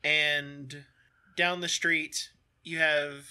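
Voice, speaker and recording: A man narrating as game master, describing scenes in a relaxed, halting way with many fillers. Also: on the high side, smooth.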